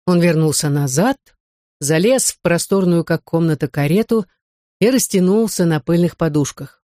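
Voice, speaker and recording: This is a narrator reading a historical novel aloud, measured and even. The voice sits at a middle pitch and is heard close and dry with no room around it. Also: no room sound. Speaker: audiobook narrator. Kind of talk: literary narration.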